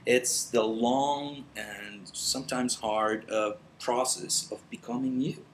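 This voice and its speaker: A man's voice: mid-range voice, steady tone, takes it slowly, slight background noise, low-quality recording. A man from El Salvador talking in a casual, rambling vlog into his computer, with many fillers and restarts. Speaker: meditation vlogger. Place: meditation center indoors.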